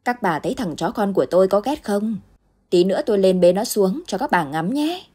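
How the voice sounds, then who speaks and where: A woman voicing a well-off grandmother, proud of her grandson. Her voice is husky and carries the ring of an older lady from a family story. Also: mid-range voice, animated, brisk, warm tone. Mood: boastful.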